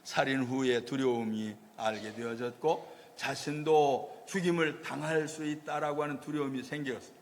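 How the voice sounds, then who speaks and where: A man's voice: medium pitch, steady tone, moderate pace, hardly any pauses, in a large hall. A male pastor preaching a storytelling sermon, acting out the voices of people in the story. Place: church sanctuary.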